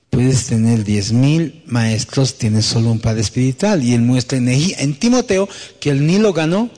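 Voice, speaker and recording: A man's voice: mid-range voice, a little mellow, long reverb tail. A man preaching a sermon as pastor, telling a personal story and asking rhetorical questions with frequent "¿no?" tags.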